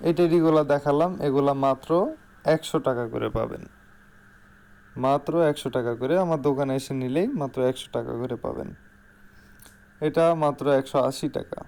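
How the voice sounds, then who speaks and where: A man's voice: mid-range voice, fairly quick, vocal fry, pauses often, darkish tone. A man with a Bangladeshi accent giving an informal salesman's product showcase in voice-over, repeating key phrases for emphasis. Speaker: shop salesman.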